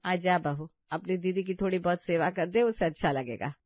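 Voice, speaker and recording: A woman's voice: fairly low pitch, moderate pace, no echo, natural voice. A woman voicing a stern but caring older mother-in-law in a cartoon story, with a scolding, motherly manner. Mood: soothing. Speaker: voice actor. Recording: dry, slightly dull audio.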